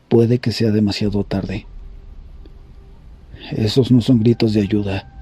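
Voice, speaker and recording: A man reading horror stories aloud in a grave, measured storytelling voice. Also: fairly low pitch, warm tone, slightly rough. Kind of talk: scripted horror story narration.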